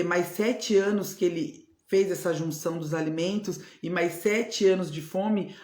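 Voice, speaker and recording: A woman's voice: on the low side, darkish tone. A woman with a Brazilian Portuguese accent, a spiritual mentor giving a devotional teaching talk in an earnest, repetitive way, often checking in with tag questions. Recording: roomy echo.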